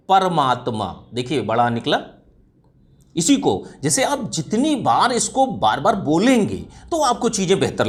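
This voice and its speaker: A man giving an exam-prep Hindi grammar lesson, explaining step by step, repeating himself, asking students questions and stretching out example sounds. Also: fairly high pitch.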